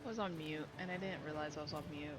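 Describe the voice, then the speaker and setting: Flustered gamer over loud game music. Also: male voice, fairly high pitch, fast. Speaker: livestream gamer. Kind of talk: casual commentary while playing. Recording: game music playing loudly behind.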